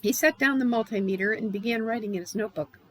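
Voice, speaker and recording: An older woman reading a novel aloud, animated storybook reading. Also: on the high side, fast talker, breathy edge, rough recording. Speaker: reader.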